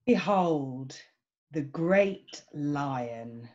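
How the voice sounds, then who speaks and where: A woman's voice: low voice, lively intonation, extremely slow, a little mellow, muffled recording, full character voice. A woman playing a cruel, imperious witch who gloats and savours each phrase in a screenplay read-through. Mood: commanding.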